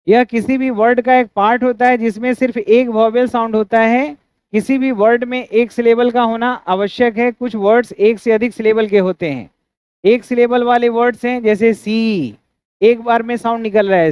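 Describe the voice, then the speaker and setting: Indian male grammar teacher, very high smooth voice, dry lo-fi recording, keeps checking students follow. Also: no room sound. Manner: asks students frequent checking questions; spells out words syllable by syllable. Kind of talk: classroom grammar lecture. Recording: dry, dull lo-fi sound.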